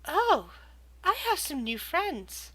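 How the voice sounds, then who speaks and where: A high, bright little-girl voice, put on by a woman game master. The child is sweetly polite and inviting, with an eerie calm that suits a tabletop horror scene. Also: slow, full character voice, poor audio. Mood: eerily sweet. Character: eerie, polite little girl of five or six, a doll-room host.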